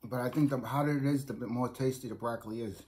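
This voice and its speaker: A middle-aged New Yorker rambles through a casual food review vlog, talking to a phone or webcam held close in a small room at home. He repeats himself and keeps restarting sentences, speaking fast in a mid-range, slightly mellow voice with fairly even intonation.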